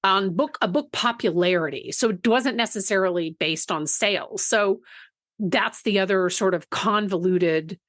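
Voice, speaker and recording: A woman's voice: mid-range voice, moderate pace, a bit bright, no room sound, studio quality. A woman co-hosting a podcast in a chatty, casual way, often restarting her sentences and laughing easily. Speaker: podcast co-host.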